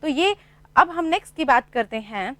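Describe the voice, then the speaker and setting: A woman's voice: high-pitched, lively intonation, moderate pace, sharp tone. A woman teacher explaining lessons patiently, asking rhetorical questions and repeating key points. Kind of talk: classroom lesson explaining computer basics.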